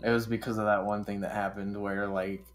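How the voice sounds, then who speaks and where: A man from the US West Coast co-hosts a casual motorsport chat in a lowish voice. He tells stories with plenty of fillers, and faint music plays behind him. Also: fairly quick. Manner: animated storyteller, with many fillers. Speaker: podcast co-host.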